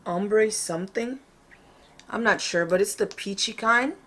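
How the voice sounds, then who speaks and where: A woman with a medium-pitched voice presents a makeup tutorial in a casual vlog style. She is chatty and informal, often thinking out loud as she explains each step. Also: measured pace. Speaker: makeup vlogger.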